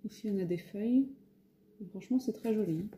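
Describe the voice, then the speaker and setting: A woman's voice: mid-range voice, a little fast, noisy background. A French woman casually showing her craft shopping haul, talking with many hesitations and fillers. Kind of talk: casual haul video talk. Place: home, near a window.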